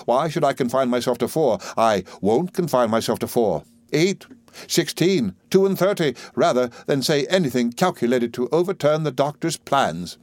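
A man's voice: expressive, normal speed, darkish tone, dry recording, close to an everyday voice. A man voicing a fussy, overbearing old widow who gushes and talks with heavy emphasis. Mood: insistent. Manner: shrill, emphatic, gushing. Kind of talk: audiobook character reading.

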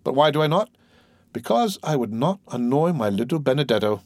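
A man's voice: medium pitch, very animated, fairly quick, a little mellow, dry recording, clean studio sound, pitched above the performer's own voice, natural voice. A man voicing a sly, sentimental old male innkeeper who talks in a wheedling, sententious way, in an audiobook.

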